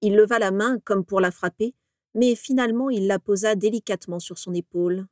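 A woman narrating a dramatic story in a measured, steady reading voice. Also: mid-range voice, no room sound, studio quality.

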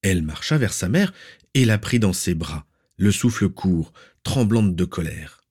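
A man reading a dramatic story aloud in measured storytelling. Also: deep voice, expressive, a little mellow, husky. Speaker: audiobook reader.

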